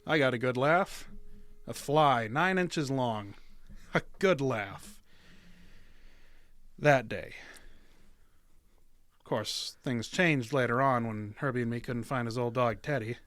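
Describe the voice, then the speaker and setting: A man's voice: medium pitch, slow, long pauses, fairly bright tone, dry recording. An actor playing Buck, a folksy small-town young man who narrates a creepy tale in old-time radio drama style. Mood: narrating.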